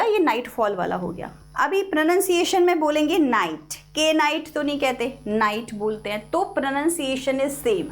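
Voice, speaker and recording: Indian woman English teacher, high voice, patient step-by-step online lesson. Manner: explains step by step, repeats key words, addresses students as kids. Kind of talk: online class lecture.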